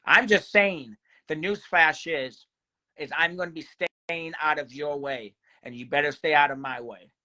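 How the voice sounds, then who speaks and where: A man's voice: a little high, fairly even intonation, moderate pace, pushed and bright. A man answering a rival's taunts over a phone call, defiant, emphatic and earnest. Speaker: ring announcer and fundraiser. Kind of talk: trash-talking phone promo.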